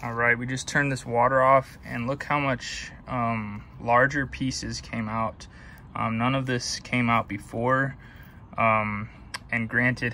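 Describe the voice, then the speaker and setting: Bright-voiced man explaining a DIY fix. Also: medium pitch, slight background noise. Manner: relaxed, explanatory, step-by-step. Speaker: DIY HVAC video host. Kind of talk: casual how-to demonstration. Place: basement utility room, indoors.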